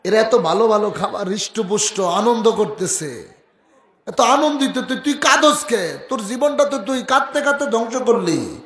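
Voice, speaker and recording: A man's voice: high voice, animated, normal speed, a bit bright, reverberant, pitched above the performer's own voice. A man voicing an earnest male archangel messenger who calls out and questions sharply. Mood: scolding.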